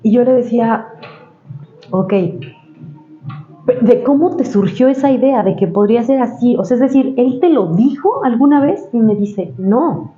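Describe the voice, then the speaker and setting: Woman, mellow higher voice, roomy dull sound, casual storytelling. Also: lively intonation, moderate pace. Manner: recounts therapy sessions in detail, many fillers. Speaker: therapist guest. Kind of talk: casual storytelling in a podcast interview. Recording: roomy, slightly dull podcast sound with faint ambience.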